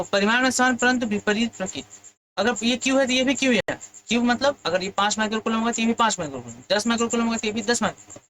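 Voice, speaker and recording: A man's voice: high-pitched, fairly bright tone, slight background noise, low-quality recording. A male physics teacher leading an exam lesson. He keeps asking his students questions and then answers them himself.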